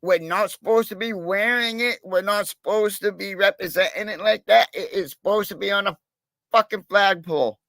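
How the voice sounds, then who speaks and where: A man with a fairly high voice rambles through a casual livestream chat, swearing freely and leaning on fillers. The sound is dry and close, with no room around it. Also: moderate pace, vocal fry, a bit bright, dry recording. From Massachusetts, USA. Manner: rambling, profane, with many fillers. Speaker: livestream guest, cop watcher.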